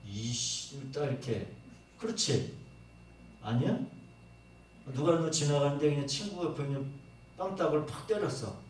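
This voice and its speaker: A middle-aged male pastor preaches in a church, his pitch rising and falling with lively swings as he acts out short quoted lines. He stands some way from the mic, so his voice comes through with heavy room echo. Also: moderate pace, pauses often, distant mic, slight background noise. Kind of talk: sermon. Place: church sanctuary.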